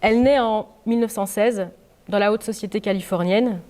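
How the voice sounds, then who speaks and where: A woman's voice: medium pitch, normal speed, darkish tone. A woman author giving an informal public talk to an audience in a library, chatty and full of hesitations. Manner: chatty, many hesitations with "euh".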